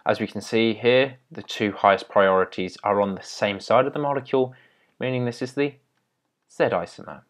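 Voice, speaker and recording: A man's voice: fairly low pitch, normal speed. A young man teaching chemistry step by step in a patient, explaining way, with small restarts. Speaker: chemistry tutor. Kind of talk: explaining at a whiteboard.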